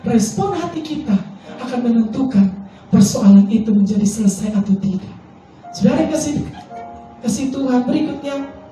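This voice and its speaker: A woman's voice: on the high side, lively intonation, normal speed, pauses often, mellow, far from the mic. A woman pastor preaching a sermon, telling a personal testimony with pleading, sometimes sing-song prayers. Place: large church hall. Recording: echoey church hall from afar, faint music.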